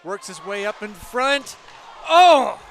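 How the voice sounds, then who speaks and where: A man calling live hockey play-by-play, rapid and excited, often rising to shouts. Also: high voice, crowd noise. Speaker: play-by-play commentator. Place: ice rink.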